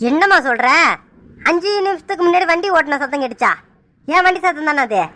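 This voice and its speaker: A woman's voice: high voice, lively intonation, fast, fairly bright tone, no room sound. A woman doing a scolding village father. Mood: grumbling. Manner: scolding, grumbling. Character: gruff middle-aged village father.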